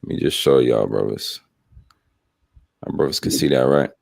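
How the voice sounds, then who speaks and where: A man's voice: rumbling low, moderate pace, vocal fry, a little mellow, no room sound, studio quality. A man hosting a religious podcast, talking in a laid-back way with many fillers. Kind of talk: casual religious discussion.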